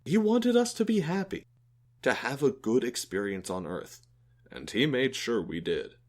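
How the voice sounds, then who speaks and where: An earnest, reflective male alien explains his views in an audio drama, voiced by a man. His delivery is lively, and his pitch rises and falls freely as he talks. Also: unhurried. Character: thoughtful male alien who befriended a human.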